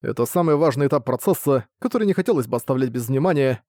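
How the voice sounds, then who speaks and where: Male narrator, steady even storytelling, middle pitch, dry close studio sound. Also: quick pace, dry recording. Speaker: audiobook narrator. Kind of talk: scripted narration.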